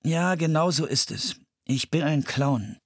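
A man's voice: mid-range voice, moderate pace, a little mellow, husky, no echo, studio quality, pitched above the performer's own voice. A man voicing a curious, easily embarrassed boy of about eleven. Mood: grudging. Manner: amazed, then grumbling.

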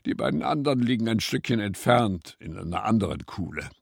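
A man voicing a calm, caring mother hare in a storybook reading. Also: fairly low pitch, fairly quick, creaky, dry recording, clean studio sound, pitched above the performer's own voice. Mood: explaining.

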